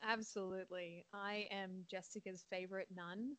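She's a young nun from Sydney with an Australian accent, laughing a lot and saying um often during a cheerful, casual interview chat. Her medium-pitched voice is clear, resonant and fairly bright, with fairly even intonation, a moderate pace and no echo.

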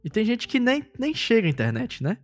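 A man's voice: very high voice, huge pitch swings, a little fast, soft background music. A man with a Brazilian Portuguese accent hosting a podcast in a laid-back, slangy chat. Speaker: podcast host.

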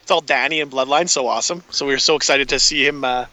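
A man co-hosting a casual movie review chat, excitable and swearing freely, rambling through restarts. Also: mid-range voice, fast, no room sound. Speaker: podcast co-host.

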